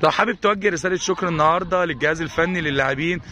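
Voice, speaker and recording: A man with an Egyptian accent interviewing young players as a pitch-side sports reporter, firing off repeated questions. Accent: Egyptian Arabic. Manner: rapid, repetitive questioning. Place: outdoor football ground. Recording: noisy outdoor pitch-side recording.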